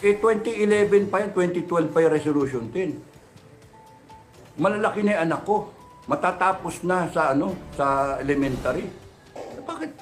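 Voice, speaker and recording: A man's voice: sits high, moderate pace, soft background music. A man in his thirties or forties in an impassioned political rant, firing repeated questions at officials with a mock-polite "sir" and switching between Tagalog and English.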